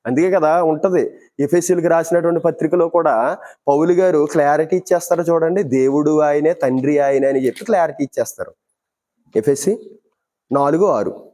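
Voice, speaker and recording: A man's voice: a little high, a little fast, pauses often, mellow. A man giving Bible teaching, asking rhetorical questions and acting out everyday dialogues to make his point.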